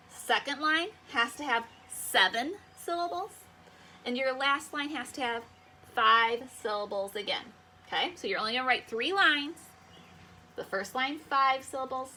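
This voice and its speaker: Young woman teacher, upbeat, encouraging, bright slightly high voice, remote lesson for kids. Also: slight background noise. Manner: upbeat, encouraging, slows to sound out syllables. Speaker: elementary school teacher.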